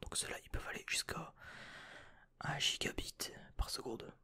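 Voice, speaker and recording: A man's voice: normal speed, sharp tone. A young man whispering through an unboxing vlog in his bedroom into a desk microphone, hesitant and rambling with mild swearing. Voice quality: breathy whisper. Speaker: vlogger.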